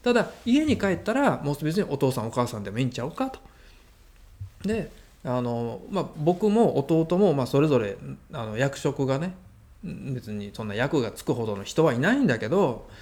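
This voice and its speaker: Brief: Kansai-accented man, mentor guest, animated storytelling, pitch swings widely. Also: a little fast. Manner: animated, chuckles while recounting. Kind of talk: conversational storytelling.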